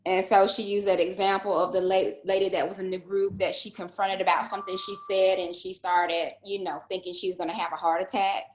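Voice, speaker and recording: A woman's voice: mid-range voice, flat delivery, a little fast, few pauses, roomy sound. Chatty woman talking things through on a call. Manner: conversational, thinking aloud with many fillers. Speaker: book club discussion member. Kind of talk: casual discussion on a video call. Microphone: video call.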